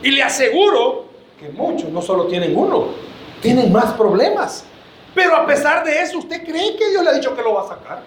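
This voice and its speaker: High-voiced joking preacher. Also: male voice, moderate pace, roomy sound, slight background noise. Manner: joking, lively, addresses listeners as brother. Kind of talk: sermon. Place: church.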